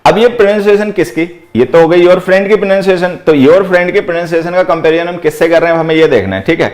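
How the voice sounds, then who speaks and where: A man teaches an exam-prep grammar lesson with a slightly raised pitch. He explains step by step, repeats key phrases and slows right down when he dictates example sentences. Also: a little mellow.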